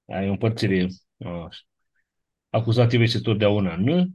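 A man's voice: lowish voice, a little mellow, slightly rough, muffled recording. A man teaching a class, going methodically through grammar rules and checking understanding with short tag questions. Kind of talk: classroom lecture reviewing grammar.

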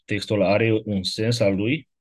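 A man giving a casual classroom lecture, wandering off topic and often checking in with his listeners through quick rhetorical questions. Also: lowish voice, steady tone, darkish tone.

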